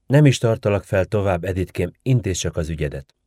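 A man's voice: deep voice, animated, mellow, dry recording, studio quality. A man voicing a chatty elderly village woman who bustles about and scolds in folksy turns of phrase. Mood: bossy.

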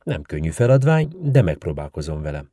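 A man's voice: rumbling low, sing-song, warm tone, no echo, studio quality, exaggerated voice. Figure: man playing a polite clever young woman. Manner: courteous. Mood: curious. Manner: courteous and formal.

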